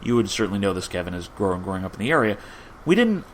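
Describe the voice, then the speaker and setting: A man argues politics on a podcast with emphatic, insistent force. His pitch leaps and drops as he presses each point, and a faint hiss sits under the recording. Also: racing. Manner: emphatic, argumentative, lively swings in pitch. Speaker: podcast co-host. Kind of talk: casual political discussion.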